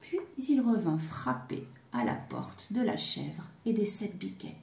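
A woman, an early childhood educator, telling a children's tale in a slow, expressive way with hushed phrases. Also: medium pitch, creaky. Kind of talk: storytelling for young children. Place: daycare room. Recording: echoey room.

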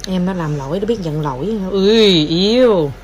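A woman's voice: fairly low pitch, lively intonation, normal speed, darkish tone, slight background noise. A woman with a Southern Vietnamese accent, a mother at home teasing and coaxing her toddler in a casual vlog. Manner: playful, teasing, coaxing baby talk.

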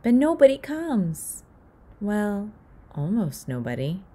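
A woman reads a picture book aloud for a children's storytime, taking her time over each line. Her voice moves lively up and down, and she acts out the little sound effects as she goes. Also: medium pitch, takes it slowly, noisy background. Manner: expressive, with acted sound effects. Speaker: storytime reader.

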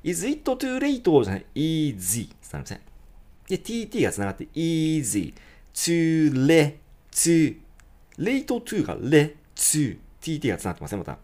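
A man teaching a pronunciation lesson, his pitch rising and falling with lively animation. He sings short lyric lines at a drawn-out crawl, then rushes through his explanations. His voice sits a little high for a man. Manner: breaks lyrics into slow drawn-out syllables, then explains quickly. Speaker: university English teacher.

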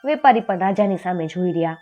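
A woman telling a traditional folk tale in an expressive storytelling voice, lifting her voice for the characters. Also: fairly low pitch, fast talker. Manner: expressive, raises voice for quoted characters. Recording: dull lo-fi sound with faint music.

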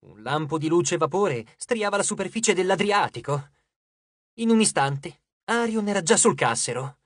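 Lively, dramatic audiobook narrator. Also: medium pitch, moderate pace, no echo, clean studio sound. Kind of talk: scripted narration.

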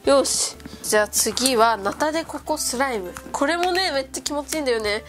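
A woman's voice: high-pitched, brisk. Stuffy-nosed young woman vlogging. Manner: chatty, excited, musing aloud as she plays with slime. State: stuffy nose from a cold. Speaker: slime vlogger. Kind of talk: casual chat. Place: indoors at a table. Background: background music.

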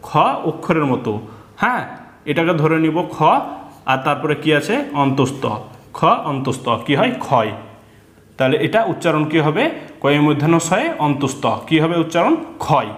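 Bright-voiced man teaching reading. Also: on the high side. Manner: slow, repeating letters and asking questions. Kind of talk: reading lesson for children. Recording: echoey room.

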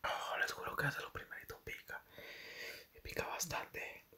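A young man doing whispered ASMR eating commentary in halting, short phrases, close to the microphone in a small bedroom. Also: pushed and bright. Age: young adult. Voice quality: breathy, unvoiced whisper. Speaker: ASMR mukbang creator. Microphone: desk microphone close to the mouth.

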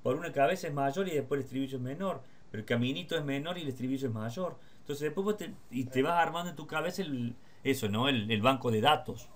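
A man with an Argentine Spanish accent, teaching guitar in a casual one-on-one lesson, explaining rhythm with quick rhetorical questions. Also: medium pitch. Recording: guitar playing in the background.

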